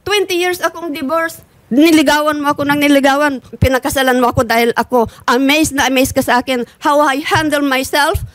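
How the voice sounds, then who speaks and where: A woman's voice: sits high, steady tone, fairly quick, no echo. An older woman airing a tearful, pleading complaint against her husband, mixing Tagalog and English. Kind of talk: emotional public complaint.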